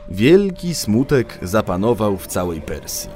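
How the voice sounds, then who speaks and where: Slow expressive male storyteller. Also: on the low side, faint music behind. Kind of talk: fairy tale read aloud.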